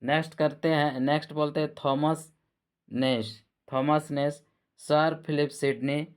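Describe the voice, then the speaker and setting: A man teaching exam students, going slowly and repeating and correcting names as he goes. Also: a little high, steady tone, clear, resonant tone. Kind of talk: lecture to students.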